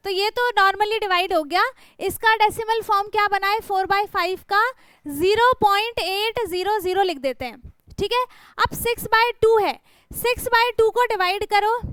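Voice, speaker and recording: A woman's voice: very high voice, a bit bright, dry recording. A woman maths teacher explaining division step by step, patiently talking to her students and often checking in with "right?". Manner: speaks directly to students, patient and encouraging.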